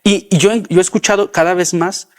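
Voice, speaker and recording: A man's voice: high voice, fairly even intonation, brisk. A man, a podcast guest talking in a thoughtful, explanatory way. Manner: thoughtful, explanatory, repeats words when starting. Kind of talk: reflective conversation.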